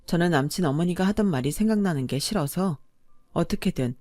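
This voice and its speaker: Calm woman narrating a personal story. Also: on the low side, a little fast, no echo, studio quality.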